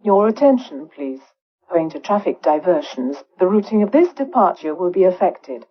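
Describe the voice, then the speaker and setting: A woman reading slow, careful, formal bus announcements played over a PA system. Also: on the low side, sing-song. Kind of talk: scripted public announcement. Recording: dull lo-fi PA playback.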